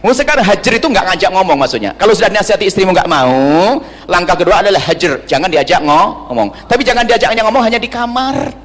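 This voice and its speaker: A man's voice: high-pitched, fast talker. Preaching man in a reverberant hall. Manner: humorous, teasing, lively preaching. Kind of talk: sermon. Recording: long reverb of a large hall.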